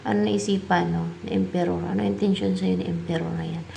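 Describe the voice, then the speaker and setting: A woman's voice: on the low side, fairly even intonation, fairly quick, gravelly, mellow, a little hiss or hum. A woman with a Filipino accent giving a tarot reading, musing aloud as she asks and answers her own questions. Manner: mixes English tarot terms into her talk. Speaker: tarot reader.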